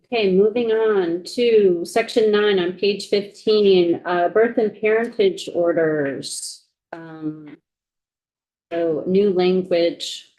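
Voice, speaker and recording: Halting low-voiced woman walking through a bill. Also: steady tone, mellow, poor audio. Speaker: legal counsel presenting a bill to a committee. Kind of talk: section-by-section bill walk-through at a committee hearing. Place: legislative committee room.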